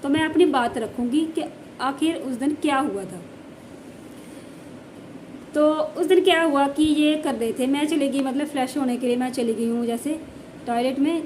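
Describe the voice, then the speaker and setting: A woman's voice: high-pitched, a little hiss or hum. A woman from the Jammu region, a village housewife vlogger, telling a story in a casual way and repeating phrases for emphasis.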